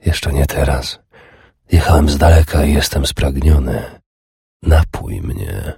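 A man voicing a weary warrior prince in an audiobook, speaking low, hushed and terse. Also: takes it slowly, creaky, breathy edge, dry recording, clean studio sound, heavily acted. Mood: hushed, firm. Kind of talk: audiobook dialogue.

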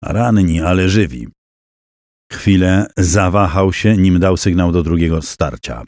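A man with a fairly low voice reads a historical battle tale as an audiobook, acting out the shouts and cries of the characters within his narration. The sound is dry and close, with no room in it. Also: a little slow, dry recording.

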